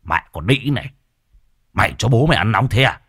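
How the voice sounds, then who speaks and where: Man voicing a bedridden thug husband: abusive, barking, low and rough in delivery. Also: lively intonation, fairly quick, a bit bright, no echo, studio quality. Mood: angry bellowing. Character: bedridden brutal husband, coarse village thug.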